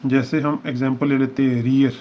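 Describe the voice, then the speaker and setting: In a shorthand lesson walkthrough, a man patiently explains each step and repeats examples as he works through them. His medium-pitched voice is a little fast with little pitch movement, on a dull lo-fi recording with faint hiss.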